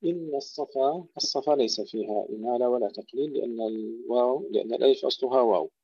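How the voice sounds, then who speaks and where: A man teaching Quran recitation, who recites phrases slowly and loudly and then explains each rule in a plain teaching voice. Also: medium pitch, husky, no echo. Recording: dull, dry lo-fi recording.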